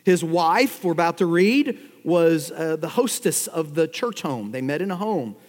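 A man's voice: fairly high pitch, lively intonation, unhurried, darkish tone. A man preaching an expository sermon, teaching verse by verse and firing rhetorical questions at his congregation. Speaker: pastor. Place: church sanctuary. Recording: long hall reverb.

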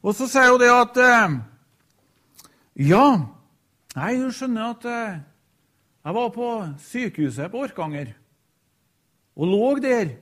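A man preaching a sermon, retelling a story in a halting way with frequent hesitations and repeated quote tags. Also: extremely high pitch, expressive, bright, forceful tone. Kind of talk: sermon with a retold deathbed story.

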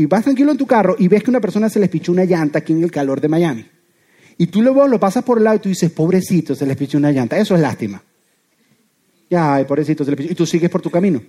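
A pastor preaches an animated sermon, explaining with everyday examples. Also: male voice, high-pitched.

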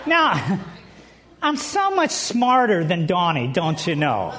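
A man with a strikingly high-pitched voice preaches to a congregation. He tells his story with lively, animated energy, laughing along as he talks and turning to the people in the pews. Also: takes it slowly. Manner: addresses the congregation directly. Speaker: pastor. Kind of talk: sermon opening with a humorous personal story.

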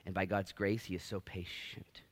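A man's voice: low voice, level tone, normal speed, husky. A middle-aged male pastor preaching a sermon in a conversational, joking yet earnest way. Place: church.

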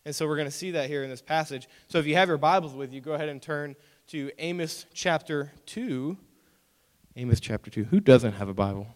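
A man's voice: fairly high pitch, brisk, big-room sound. A young man, a youth pastor, chatting with students about chores and then preaching, telling stories with whiny acted-out quotes. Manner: animated storytelling with mock-whiny quoted voices. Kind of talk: youth group sermon.

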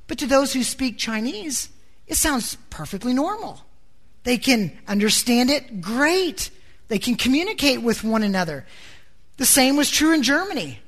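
A woman preacher with a fairly high voice delivers a sermon. She talks emphatically, often doubling words as she builds toward a point. She keeps turning to her listeners with rhetorical questions. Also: a bit bright.

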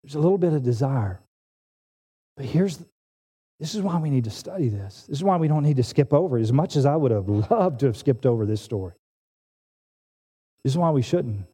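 A man in his forties preaching a sermon, animated and emphatic, often restarting his phrases. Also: mid-range voice, a little fast, long pauses, slightly rough. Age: 40s. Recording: long hall reverb.

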